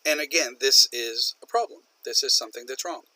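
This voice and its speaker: A man's voice: medium pitch, a little fast, bright, forceful tone, no echo, rough recording. A man lecturing a university business English class, patiently repeating and stressing example sentences. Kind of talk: recorded online lecture.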